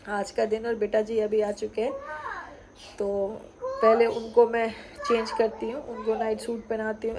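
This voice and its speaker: A woman's voice: a little high, background noise. A young woman with a cold and sore throat, chatting casually to camera as a vlogger at home at night. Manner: chatty, fond mother talking to camera. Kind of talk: casual home vlog chat.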